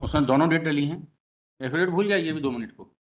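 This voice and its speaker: A man presiding as a judge in a courtroom hearing, questioning sternly and dictating orders slowly. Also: fairly high pitch, rough recording.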